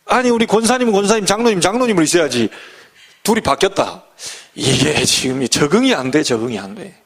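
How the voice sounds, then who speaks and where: A man's voice: sits high, sing-song, brisk. A middle-aged male pastor giving a folksy sermon full of humor and rhetorical questions.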